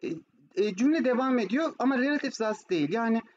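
A woman's voice: on the high side, lively intonation, fast talker, a little mellow. A woman with a Turkish accent teaching German online, switching between Turkish and German as she explains and asks checking questions. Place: online video class with screen share. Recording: muffled, noisy online call audio.

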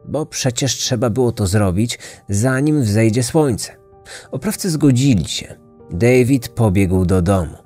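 A man reading a scripted true-crime story in a measured, dramatic way. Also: medium pitch, animated, dark tone, faint music behind. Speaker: podcast narrator.

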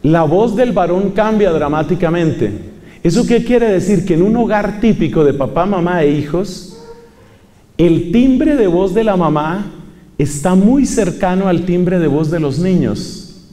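Mellow-voiced male preacher in a reverberant hall. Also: high-pitched, expressive, unhurried. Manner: emphatic, repeats key phrases and asks the audience questions. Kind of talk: sermon to a congregation. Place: large church hall with congregation.

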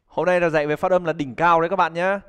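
A chatty young man teaches a live online pronunciation lesson. His voice sits a little high for a man, and he keeps calling on students and cracking jokes as he goes. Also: steady tone, fast talker, smooth. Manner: chatty, joking, calls on students to respond. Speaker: English teacher.

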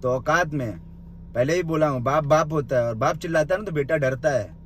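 In a small room, a young man, a social media commentator, delivers an angry, insulting rant into his phone, mocking and confrontational. His voice is fairly high and a little fast, with a slight hiss or hum on the recording.

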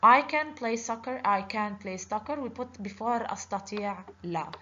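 With a medium-pitched, bright and forceful voice, a woman speaks briskly as she teaches Arabic in an online slide lesson. She stays patient, working step by step and frequently checking with "okay?". Her voice-over is lo-fi and slightly dull, carrying faint hiss.

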